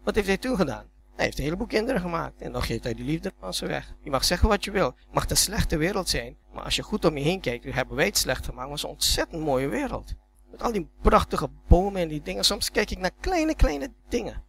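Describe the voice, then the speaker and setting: A man's voice: high-pitched, very animated, fast talker, creaky, a bit bright, slight background noise. A man preaching a sermon in a church, telling stories in a conversational way that builds to emphatic peaks, often repeating words as he restarts. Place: church hall.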